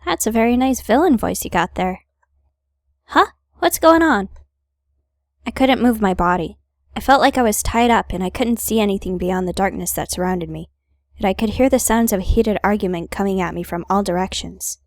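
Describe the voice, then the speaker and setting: A woman's voice: medium pitch, moderate pace, dry recording. Wry woman reading a game aloud, dry sound. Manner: wry, playful asides. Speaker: gaming video host. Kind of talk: reading visual novel narration aloud with casual commentary.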